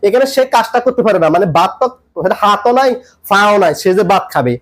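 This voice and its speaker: Quick, high-voiced man teaching grammar. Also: expressive, fairly bright tone. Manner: repetitive, quizzing questions to the viewer. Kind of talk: tutorial lesson explaining grammar.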